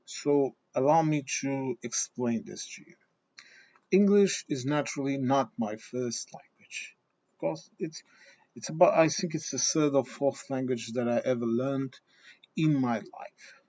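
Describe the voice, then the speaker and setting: Talking to camera about his views, a male vlogger whose first languages are Portuguese and German comes across as hesitant, full of restarts, fillers and a recurring "okay?" His medium-pitched voice is mellow and a little slow. There's no echo, though the lo-fi sound is slightly dull.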